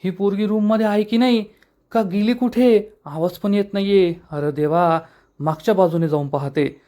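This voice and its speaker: A man's voice: sits high, moderate pace, mellow, natural voice. A man voicing a fussy, worried aunt who frets over a missing girl. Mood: fretting. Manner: exasperated, fretting.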